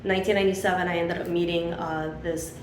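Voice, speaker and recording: As an interview guest, this Chilean woman in her fifties who grew up in Miami rambles through her life story, chatty and full of fillers. She talks fast in a lowish voice with little pitch movement. The room echoes and there's background noise.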